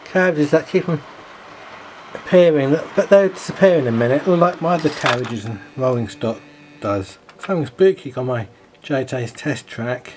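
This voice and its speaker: A man's voice: on the high side, moderate pace, darkish tone, a little hiss or hum, natural voice. A man voicing a spooked railway watcher, eerie and mock-amazed, in a hobby video. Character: spooked railway watcher marvelling at ghostly happenings.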